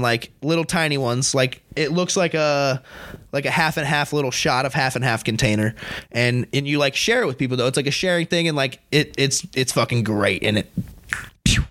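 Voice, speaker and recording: A man's voice: mid-range voice, fairly bright tone, dry recording. A young man hosting a podcast in rambling, profane, laid-back casual chat. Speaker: podcast host.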